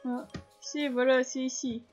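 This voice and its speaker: A woman hosting a gaming video gives casual gameplay commentary, explaining the controls to viewers in a chatty way with frequent fillers. Her voice is high-pitched and a little mellow, flat in delivery and measured in pace, with faint game music behind her.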